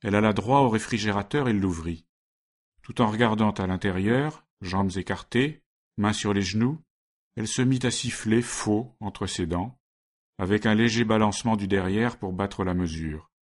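A man narrating a story in a measured, steady way. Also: lowish voice. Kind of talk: scripted narration.

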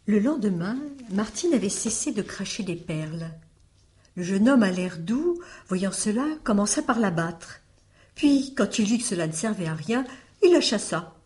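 Woman reading a tale, very lively pitch. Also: normal speed. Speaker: storyteller. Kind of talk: storybook reading aloud.

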